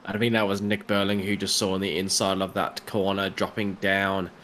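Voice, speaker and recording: A man's voice: deep voice, flat delivery, normal speed, fairly bright tone, a little hiss or hum. A man giving chatty, jokey, analytical commentary on a sim race.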